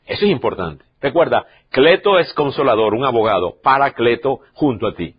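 A man in his sixties preaching a sermon as pastor, swinging from loud, emotional preaching to soft, quiet stretches. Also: mid-range voice, expressive, normal speed, breathy edge, highs cut off.

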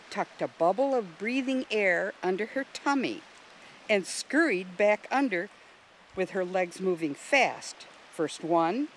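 Slow, expressive woman reading a storybook. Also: mid-range voice, slight background noise, poor audio. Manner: gentle, expressive read-aloud. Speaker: volunteer narrator.

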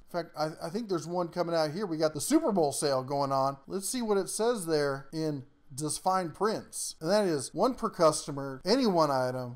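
Male tool-channel host, slightly high voice, rambling down-home delivery, easy chuckles. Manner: folksy, rambling, chuckles often; down-to-earth workshop slang. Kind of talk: casual product rundown.

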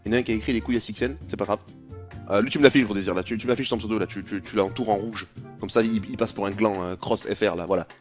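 A young man commentating a video game replay as a streamer, fast and slangy, dropping to mutters and then bursting into shouts. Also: fairly low pitch, fairly even intonation, faint music behind.

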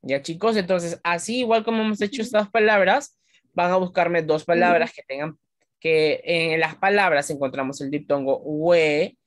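A woman teaching a class of young children, patiently explaining rules step by step and stretching words out slowly while she quizzes her pupils. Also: fairly low pitch, no room sound, clean studio sound. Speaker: primary school teacher.

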